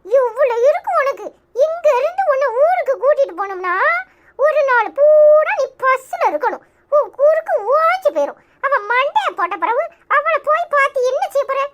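A woman's voice: very high-pitched, sing-song, normal speed, muffled recording, heavy background noise. A woman voicing a sarcastic, nagging young grandson with a Tirunelveli Tamil accent in a cartoon. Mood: scolding. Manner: nagging, mocking questions. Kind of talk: cartoon voice acting.

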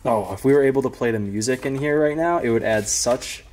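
A man's voice: medium pitch, a little fast, slight background noise. A young man hosting an exploration vlog, chatting casually with lots of "like" and "I mean" as he walks through an empty indoor diner, speaking into a camera held at arm's length. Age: young adult. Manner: relaxed, chatty, with a lot of "like" and "I mean". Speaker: urban explorer vlogger host.

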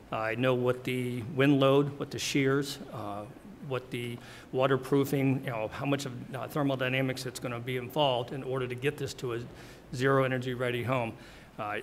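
Earnest gravelly-voiced man on a panel. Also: mid-range voice, slight background noise. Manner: earnest, plainspoken, clears throat often. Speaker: home builder, panelist. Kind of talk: panel presentation. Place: wood-paneled hearing room. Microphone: table mic on stand.

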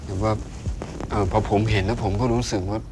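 An actor playing a nervous, polite young suitor who stammers and hesitates in a TV drama. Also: male voice, fairly low pitch, steady tone, brisk, natural voice. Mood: earnest. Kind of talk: Thai TV soap acting. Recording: music score underneath.

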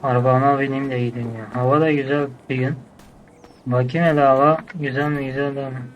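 A man's voice: mid-range voice, level tone, a little fast, highs cut off, a little hiss or hum. A man acting out a casual game roleplay, bossing his crew around in scolding, slangy street talk.

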